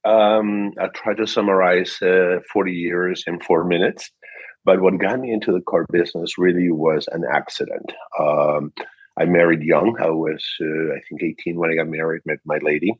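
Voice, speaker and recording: In a dull, echoey room, a sixty-something car dealership director from Peru tells casual stories as an interview guest, playing out quoted lines with animation in his Peruvian Spanish accent. He speaks at a normal speed, his voice sitting low with a steady tone.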